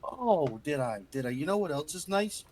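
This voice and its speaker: A man's voice: on the high side, expressive, moderate pace, darkish tone. A man playing a tabletop game in character, brash, crude and confrontational. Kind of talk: in-character role-play.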